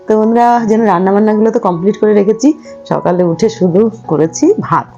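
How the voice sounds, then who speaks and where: A hoarse, feverish middle-aged woman chatting casually to her viewers in a home vlog and telling a story. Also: medium pitch, quick pace, dark tone, muffled recording, soft background music. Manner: chatty, addresses viewers as friends, coos at pets. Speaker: vlogger.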